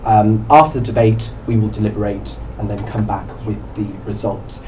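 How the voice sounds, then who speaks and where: A young man opens a student debate in a chatty way, filling his pauses with ums and uhs. His voice is mellow and warm. He sounds a little distant from the microphone, with a faint room hum behind him. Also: fairly low pitch, little pitch movement. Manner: chatty, with many filler sounds. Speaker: debating society president and convener. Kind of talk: opening remarks at a debate event.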